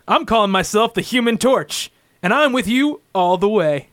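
A man playing an eager, excitable young superhero with fire powers in an amateur comic-book radio play, gushing breathlessly. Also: sits high, normal speed.

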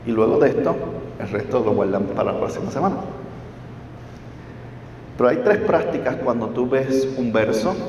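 Male Bible study teacher, methodical, checks in with the room with quick questions; recorded from a distance in a large echoing hall, a bit dull. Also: mid-range voice, expressive, a little mellow, slight background noise. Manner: explains step by step, asks listeners questions.

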